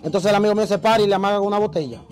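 A man, an interview guest telling a story in a casual, animated way and acting out the voices he quotes. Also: high-pitched, rapid-fire, faint music behind, poor audio.

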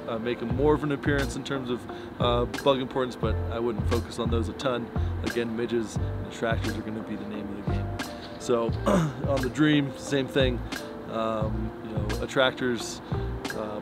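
Man, 30s, casual outdoor report to camera, fillers and restarts, music bed clearly under the voice. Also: fairly low pitch. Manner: relaxed, rambling, many fillers and restarts. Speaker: fly shop owner giving a fishing report. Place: outdoors by pickup trucks in snow. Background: music bed under the talk.

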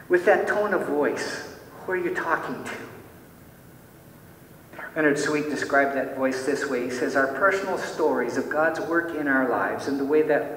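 A man preaching a sermon as pastor, posing many rhetorical questions and dropping to soft, quiet tones. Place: church sanctuary. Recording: echoey church hall, mic from far off, faint rumble.

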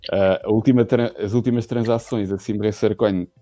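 A Portuguese co-host speaks over a video call in a low, warm voice with a dry, close sound. He explains things step by step. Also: steady tone, normal speed, dry recording, soft background music. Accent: European Portuguese. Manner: lays out a quiz step by step. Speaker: podcast co-host. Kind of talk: casual chat.

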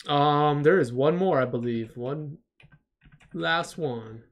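A man's voice: on the high side, slow. A man giving a casual livestream critique of storyboards, talking in an enthusiastic, rambling way full of "like". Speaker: storyboard artist reviewing viewer work.

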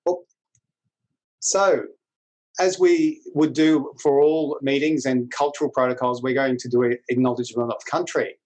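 A middle-aged man from New South Wales, Australia, with an Australian accent, moderates a webinar and opens it informally and colloquially over a video call from a small indoor office. His medium-pitched, darkish voice moves at a moderate pace with fairly even intonation. The low-quality audio comes through a computer's video-call microphone.

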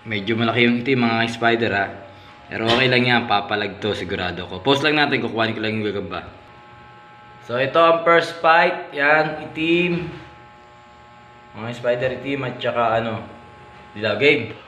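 A man hosting a vlog, giving excited, casual commentary on spider fights and constantly addressing his viewers. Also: mid-range voice, normal speed, pauses often, slight background noise. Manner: excited, repeats "mga spider" and "oh" often. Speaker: vlogger, channel host. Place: at home. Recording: echoey room, faint background ambience.

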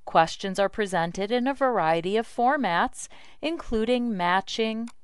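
Casting: female demo narrator, scripted instructional read, crisp voice, dry studio sound. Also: fairly high pitch, lively intonation, unhurried, no room sound.

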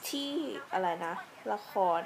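A woman's voice: slow pace, a crowd in the background. Chatty young woman vlogging from bed. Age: young adult. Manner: chatty, rambling, self-correcting. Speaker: beauty vlogger. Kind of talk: casual vlog chat. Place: lying in bed at home at night.

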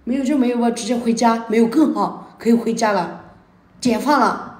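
Brief: woman, higher voice, indignant scolding rant on a livestream, echoey room. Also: fairly quick, a little mellow. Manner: indignant, scolding, repeats herself. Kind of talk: heated argument on a livestream. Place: indoor room at night.

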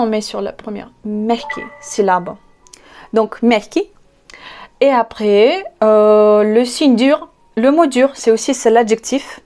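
Russian-accented woman teacher, higher voice, unhurried, spells and repeats words, soft music under her. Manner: slow and patient, spells out letters and repeats each word. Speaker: language teacher. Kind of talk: online language lesson.

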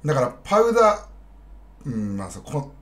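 A man's voice: mid-range voice, very animated, normal speed. A man chatting casually on a live stream, rambling bluntly and talking straight to his viewers.

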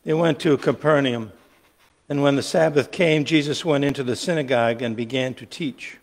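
A man reading a passage aloud during a church service in a measured, steady way. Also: mid-range voice. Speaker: scripture reader. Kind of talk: scripture reading. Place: church sanctuary. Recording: long hall reverb.

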